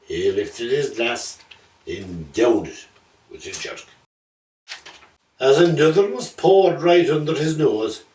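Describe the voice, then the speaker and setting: A poetry reader with a mid-range voice gives a dramatic storybook reading of rhyming comic verse. He's expressive, lilting and theatrical, telling it at a measured pace. The recording has a roomy echo, and he sounds distant from the mic.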